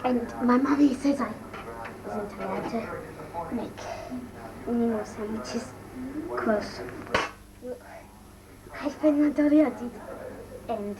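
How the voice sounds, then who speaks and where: A woman voicing a whiny, naive little child in an amateur comedy bit, with halting, repetitive talk. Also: fairly high pitch, crowd noise. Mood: plaintive tattling. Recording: noisy amateur recording, distant mic.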